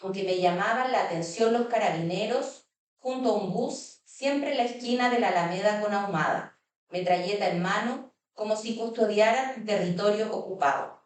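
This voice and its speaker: A woman moderates a panel and reads a passage aloud, measured and steady. Her voice sits at a middle pitch. It comes from a distance and rings through a large, echoey hall. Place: consulate event hall.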